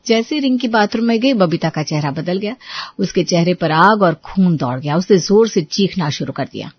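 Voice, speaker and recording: A woman's voice: fairly low pitch, expressive, moderate pace, slightly rough, no room sound, highs cut off. A woman narrating a family storybook drama in a dramatic storytelling manner.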